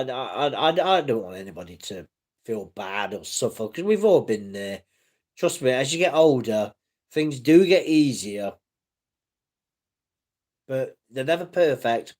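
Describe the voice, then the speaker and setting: A man's voice: medium pitch, a little mellow. A middle-aged man from the UK hosting a livestream, chatting casually and reassuringly as he reads viewer comments. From United Kingdom. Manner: rambling and reassuring, with restarts. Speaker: livestream host. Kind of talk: casual live-stream chat reading viewer comments.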